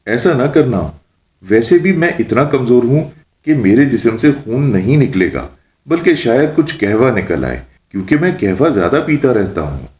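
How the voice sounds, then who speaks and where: A man voicing a timid, scrawny older male mullah who stammers in a high, nervous voice. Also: sing-song, a little mellow, close to an everyday voice. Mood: panicked. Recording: roomy echo.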